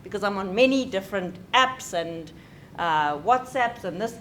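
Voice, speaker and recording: A young adult woman giving a talk on parenting. She speaks in a lively, conversational way and often checks in with the audience. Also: medium pitch, normal speed, a little hiss or hum. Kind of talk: lecture.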